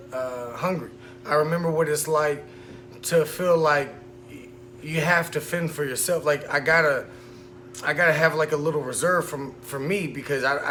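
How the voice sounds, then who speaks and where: A man's voice: on the high side, a bit bright, slight background noise. A man telling a personal story in a casual, profane way. He sounds emphatic and indignant and keeps asking the listener "right?". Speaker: vlogger recounting a school incident.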